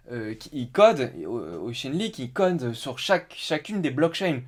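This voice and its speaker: A mid-pitched man chats casually on his live stream. He thinks aloud as he reads, trips over restarts and fillers, and stumbles through English words in his French speech.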